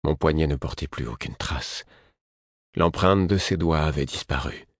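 A man narrating a first-person audiobook in a measured, somber way. His voice is very deep with a husky grain, recorded dry and close. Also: no echo.

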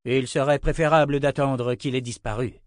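A man voicing a practical male army captain who speaks briskly. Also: medium pitch, steady tone, dry recording, clean studio sound, pitched above the performer's own voice, lightly acted.

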